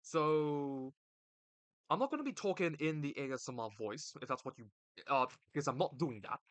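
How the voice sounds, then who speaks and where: A man's voice: on the high side, animated, moderate pace, fairly bright tone, dry recording. Laid-back young male streamer. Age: young adult. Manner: reads chat aloud and bickers back, laid-back slangy banter. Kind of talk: casual live-stream chat. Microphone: desk streaming mic.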